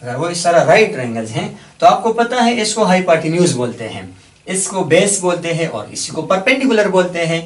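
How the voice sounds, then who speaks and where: Male math teacher, lecture, step-by-step explanations, asks and answers his own questions, slightly high voice, echoey room, distant mic. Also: big pitch swings. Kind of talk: classroom lecture.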